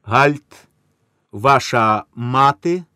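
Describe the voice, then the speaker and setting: A man's voice: medium pitch, lively intonation, extremely slow, pushed and bright, clear, resonant tone, dry recording, clean studio sound, exaggerated voice. A man reading a story, voicing a cruel occupying officer who speaks in curt, mocking orders. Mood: cold.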